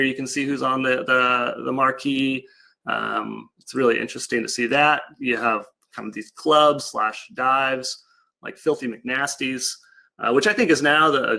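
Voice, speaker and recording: A man with a medium-pitched, creaky voice and sharp tone presents his project. The online slide talk is informal, loosely improvised and explanatory in a casual way.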